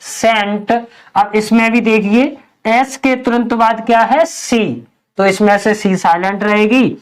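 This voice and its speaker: A man with a high-sitting, clear, resonant voice teaches English pronunciation at a slow pace. He spells words out letter by letter and drills every answer with a repeated question, patiently explaining in a step-by-step spoken lesson.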